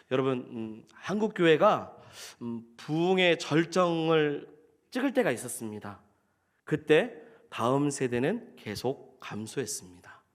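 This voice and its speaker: A male pastor preaching a sermon, often asking the congregation questions and acting out what people might have said. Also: fairly high pitch. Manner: asks the congregation questions, acts out quoted speech.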